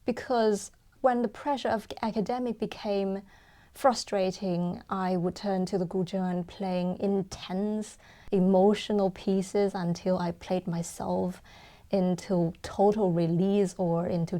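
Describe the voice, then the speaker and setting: A woman's voice: medium pitch, little pitch movement, takes it slowly, warm tone. A young woman from China, a guzheng performer, answering interview questions thoughtfully with frequent ums.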